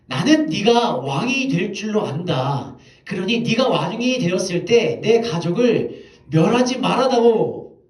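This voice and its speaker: A weeping old king begging mercy for his family, played by a man preaching. His voice rises high and wailing. It echoes around a large room. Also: expressive, unhurried. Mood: wailing plea. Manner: tearful, wailing pleas.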